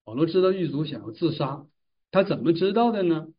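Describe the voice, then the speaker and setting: A man giving a Bible exposition, retelling and explaining a passage in a measured storytelling way. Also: a little high, animated, husky. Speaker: Bible teacher. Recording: distant mic, dull lo-fi sound.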